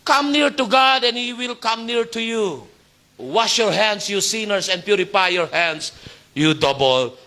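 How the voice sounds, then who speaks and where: A man preaching to a youth service, exhorting and calling for amens, his delivery swinging between loud and soft. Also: sits high, expressive, unhurried. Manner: exhorting, calls for amen, shifting loud and soft. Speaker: youth pastor. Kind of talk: Taglish sermon.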